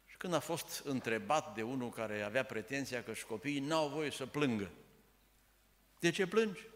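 A man preaching a sermon in a church, emphatic and full of rhetorical questions. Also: mid-range voice. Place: church sanctuary. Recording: echoey church hall.

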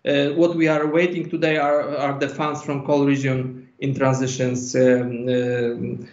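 A man's voice: mid-range voice, level tone, measured pace, a little mellow. A man giving a hesitant presentation in non-native English as a speaker on an online panel. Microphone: video call. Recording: echoey, dull video call audio.

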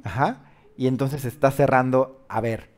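A man speaks as a spiritual counselor, in a steady mid-range voice. He drives his points home insistently, checking in with rhetorical questions. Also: medium pitch, measured pace. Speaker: host giving spiritual guidance.

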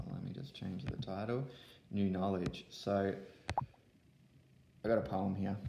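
Gravelly-voiced young male teacher. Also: deep voice, echoey room, noisy background. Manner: relaxed, explaining step by step to young pupils. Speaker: primary school teacher. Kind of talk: recorded online lesson. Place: room at home. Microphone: laptop webcam.

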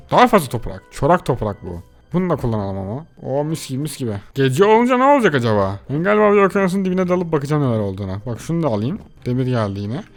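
A young man hosting a let's play video, excitably chattering to his viewers while he plays. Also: medium pitch. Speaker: gaming channel host.

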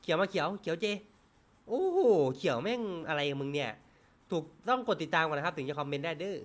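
A man giving excitable, profane live commentary on a slot game stream. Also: fairly high pitch, fast. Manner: excitable, swears often, shouts at spins.

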